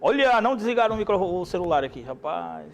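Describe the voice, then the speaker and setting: A Brazilian-accented male host who talks fast and throws in jokes as he keeps the interview loose. His voice is quite high for a man. Faint ambience hums in the background. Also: sing-song, gravelly, slight background noise. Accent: Brazilian Portuguese. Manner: joking, quick and chatty. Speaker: show host. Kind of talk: casual interview hosting.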